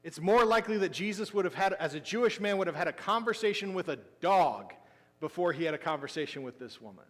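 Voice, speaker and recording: A man preaching a sermon as pastor, telling the story with lively emphasis that drops into quiet asides. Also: high-pitched, fast talker. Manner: animated storytelling, swinging between loud emphasis and quiet asides. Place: church sanctuary. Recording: long hall reverb.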